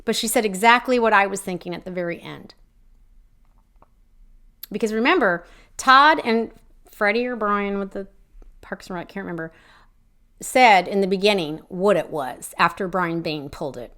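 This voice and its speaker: A woman talks through her own podcast in a casual, heated rant. She swears freely, stumbles and restarts, and keeps circling back to her points with growing indignation. Her voice sits at an ordinary middle pitch. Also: normal speed, pauses often, a bit bright. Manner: profane, indignant, rambling with fillers and restarts. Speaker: podcast host. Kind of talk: casual ranting commentary.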